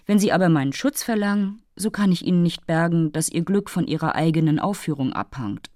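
A woman's voice: fairly low pitch, expressive, a little fast, darkish tone, dry recording, studio quality, lightly acted. A woman voicing a haughty, moralizing female fairy who lectures and takes offense easily. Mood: scolding.

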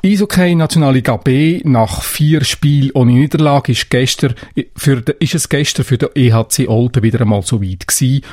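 A man's voice: medium pitch, normal speed, darkish tone, no echo, studio quality. A man reading scripted regional news on the radio.

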